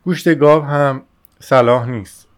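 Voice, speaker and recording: A man's voice: mid-range voice, clear, resonant tone, lightly acted. A man doing languid self-assured doctor. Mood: languid calm. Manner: languid, offhand, matter-of-fact.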